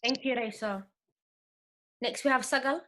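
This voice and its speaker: A woman moderating an online panel on a video call, introducing each speaker briskly. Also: fairly high pitch, noisy background.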